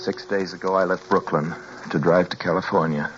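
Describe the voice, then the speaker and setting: A haunted man in his thirties, played by an actor, with a deep voice, tells his own story in an old radio thriller. The sound is dull and lo-fi, with music clearly behind him. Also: steady tone, a little fast, lightly acted. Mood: somber, recounting. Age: 30s. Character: haunted man of thirty-six, desperately clinging to his sanity. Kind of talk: 1940s radio drama acting.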